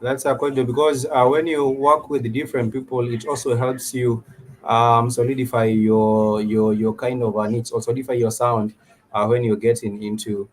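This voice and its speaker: A man with a Kenyan accent hosting a live music interview, speaking in a wordy, halting way with repeated phrases. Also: mid-range voice, slight background noise. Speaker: radio show host, interviewer.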